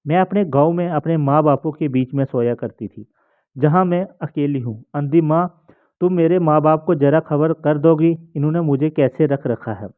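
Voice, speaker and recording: A man's voice: fairly high pitch, moderate pace, lightly acted. A man reading as a frightened young wife. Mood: tearful. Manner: timid, plaintive, read aloud from a play. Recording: tinny phone-like sound.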